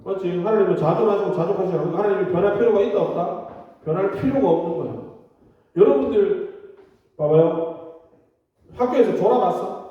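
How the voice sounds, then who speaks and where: High-voiced man preaching casually to youth. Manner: chatty, teasing, asks the children direct questions. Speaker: youth pastor. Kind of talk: casual youth sermon with questions to the kids. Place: church hall. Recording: distant, echoey, dull hall recording.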